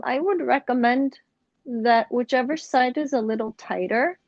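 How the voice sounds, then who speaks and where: Slow, gentle yoga teacher woman. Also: fairly high pitch, dry recording, muffled recording. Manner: slow, gentle cueing with casual asides. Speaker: yoga instructor. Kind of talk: guided yoga instruction.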